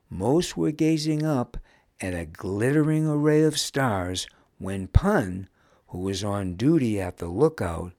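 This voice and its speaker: A man reading a children's storybook aloud in an expressive, storytelling manner. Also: medium pitch, no room sound, studio quality. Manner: slow, expressive storytelling voice shifting for each character.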